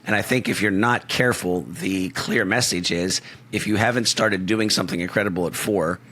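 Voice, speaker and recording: A man co-hosting a podcast in casual chat, his voice hoarse and gruff, speaking in a slow, deliberate way. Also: low-pitched, pushed and bright. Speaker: podcast co-host.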